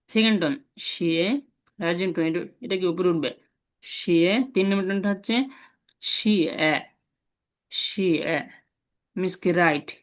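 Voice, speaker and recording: A man teaching a Chinese class online. He repeats syllables slowly and asks his students questions as he goes. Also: high-pitched. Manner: drills syllables slowly, repeating them often.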